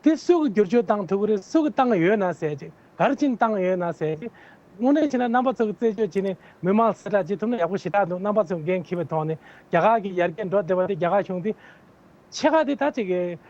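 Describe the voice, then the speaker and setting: A man's voice: sits high, darkish tone, lo-fi sound. A man who is a political candidate, giving long, earnest answers as an interview guest. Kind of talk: answering interview questions at length.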